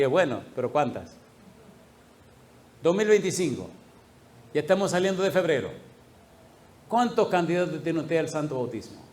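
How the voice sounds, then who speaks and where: Animated male pastor telling a story. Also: mid-range voice, a little hiss or hum. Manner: animated, laughing, acting out quoted voices. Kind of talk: storytelling sermon.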